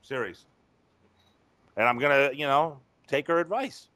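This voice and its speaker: A man's voice: mid-range voice, lively intonation, unhurried, bright, forceful tone, dry recording. A man co-hosting a casual podcast, rambling, profane and self-mocking. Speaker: podcast co-host.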